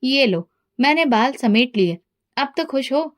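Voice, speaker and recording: A touchy young wife and mother answers in short, sulky lines in a storybook reading, as a woman reads her in her own high voice. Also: expressive, unhurried. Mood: curt. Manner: sulky and curt.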